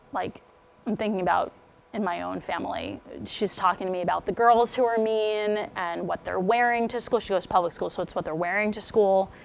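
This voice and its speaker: A middle-aged woman talks frankly with a group of parents in a loose, conversational way. Her speech is full of fillers like "you know", and she sometimes drops to a hushed near whisper for personal asides. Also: medium pitch, gravelly. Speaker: parenting talk speaker. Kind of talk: parent talk to a live group.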